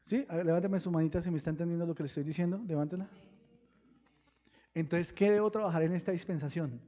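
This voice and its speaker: A pastor preaching a sermon, firing questions at the congregation and breaking into sudden loud bursts. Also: male voice, on the high side, fast, highs cut off. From Colombia.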